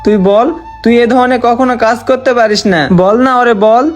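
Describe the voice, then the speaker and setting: A young man acting out an earnest, sorrowful man just back from years of work abroad, who talks in a heartfelt, pleading way. His voice sits high. Soft music plays faintly underneath. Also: fairly even intonation, moderate pace. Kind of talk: amateur short-film acting. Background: faint background music.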